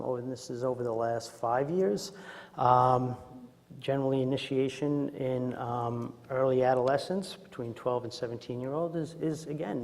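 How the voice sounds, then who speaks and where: A man with a Queens, New York accent gives an informal conference lecture as a doctor, in a hesitant, halting, self-deprecating way. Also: medium pitch, a little mellow. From Queens, New York, United States. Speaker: doctor presenting at a medical training. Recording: echoey hall with long reverb.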